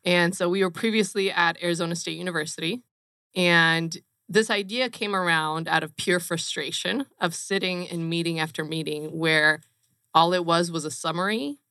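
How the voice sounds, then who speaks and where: A woman's voice: lowish voice, gravelly, bright, forceful tone, dry recording, studio quality. A woman from Romania, a company co-founder, speaking earnestly and emphatically as an interview guest. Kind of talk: casual interview chat.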